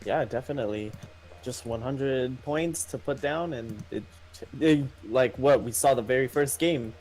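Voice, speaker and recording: A man's voice: mid-range voice, a little slow, darkish tone, soft background music, rough recording. A man co-commentating a game match, laid-back and full of fillers. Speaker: co-caster. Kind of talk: casual esports commentary.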